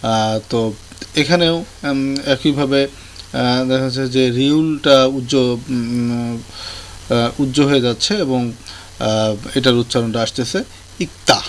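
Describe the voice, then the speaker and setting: A man explaining a language lesson in a tutorial, pausing often with fillers and restarting his sentences. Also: mid-range voice, steady tone. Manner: hesitant, many fillers and restarts. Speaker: language teacher. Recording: faint background noise.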